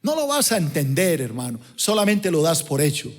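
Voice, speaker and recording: A man's voice: fairly high pitch, very animated, normal speed. A man, preaching a dramatic sermon as pastor and acting out scenes. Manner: dramatic, acts out scenes with voices. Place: large church auditorium. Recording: long church-hall reverb.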